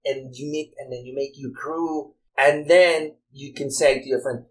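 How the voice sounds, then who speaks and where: A man's voice: medium pitch, steady tone, unhurried. A man in his forties from Mexico with a Mexican Spanish accent, a guest DJ speaking English in a rambling way and repeating words as he searches for them. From Guadalajara, Mexico. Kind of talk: casual chat.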